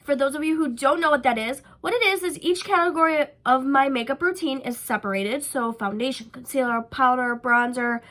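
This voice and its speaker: This beauty vlogger is a young woman sick with a stuffy nose, so her high, fairly bright voice sounds nasal. She chats casually through a makeup tutorial, sprinkling in frequent ums and likes.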